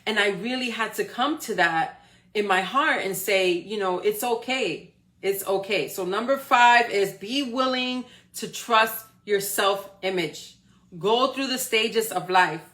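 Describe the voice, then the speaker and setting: Here the voice is mid-range, bright and forceful, moving at a measured pace. She's a motivational speaker in her forties streaming live, upbeat and encouraging, peppering her talk with "okay?" and "right?" to check on her audience.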